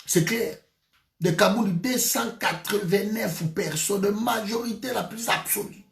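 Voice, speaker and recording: A man's voice: sits high, unhurried, vocal fry, fairly bright tone, echoey room. A man from DR Congo, giving a heated political monologue as a commentator, emphatic and repeating his phrases with frequent restarts.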